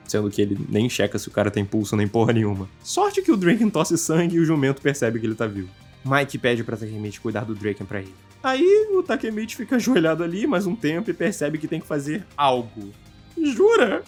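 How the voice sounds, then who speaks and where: Brazilian man with a wildly swooping voice. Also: medium pitch. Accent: Brazilian Portuguese. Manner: sarcastic, swooping delivery. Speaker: guest co-host. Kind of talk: scripted commentary recap.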